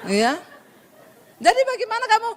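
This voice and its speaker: Woman preacher from Sulawesi, high voice, lively and joking, middle-aged. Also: normal speed, soft background music, a faint crowd. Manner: lively, humorous, addresses congregation as saudara. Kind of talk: sermon.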